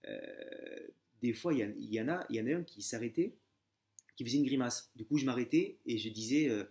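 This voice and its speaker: A man's voice: mid-range voice, brisk, mellow. A young man talking casually in a vlog, telling stories full of fillers and restarts. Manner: hesitant, many fillers and restarts; chatty, familiar storytelling. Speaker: exam candidate sharing his method.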